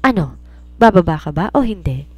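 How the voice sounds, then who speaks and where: A woman's voice: lowish voice, very animated, fairly quick, breathy edge. A woman voicing an angry, drunk young man who coldly pushes a woman away in an audio romance story. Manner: cold, cutting, shouting.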